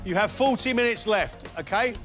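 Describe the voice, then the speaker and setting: Man, british accent, high voice, cheerful judge questions. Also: moderate pace, over music. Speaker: judge on a cooking competition. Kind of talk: brief friendly questions to contestants.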